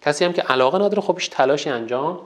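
A man's voice: a little high, lively intonation. A man teaching a lesson as a public speaking coach, emphatic and counting off steps, whose first language is Turkic. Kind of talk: online lesson.

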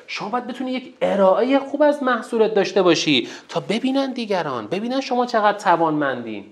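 A teacher giving a colloquial lecture in a public speaking course, asking rhetorical questions and repeating points for emphasis. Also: medium pitch. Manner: animated, asks rhetorical questions to the listeners.

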